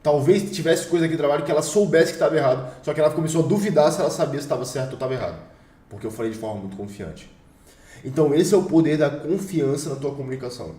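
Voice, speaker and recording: A man's voice: fairly high pitch, quick pace, dark tone. A young Brazilian man with a Brazilian Portuguese accent giving a casual motivational lesson in an emphatic, slangy way that sometimes swears. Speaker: online course instructor. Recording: roomy echo, a bit far from the mic.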